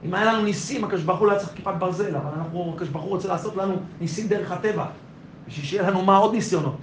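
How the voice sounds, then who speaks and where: A male rabbi preaches in a high voice, pressing his point by repeating key phrases. He slips into a softer voice to act out everyday exchanges. The room is echoey, with faint noise underneath. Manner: emphatic, repeats phrases, acts out dialogue in soft voice. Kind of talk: sermon.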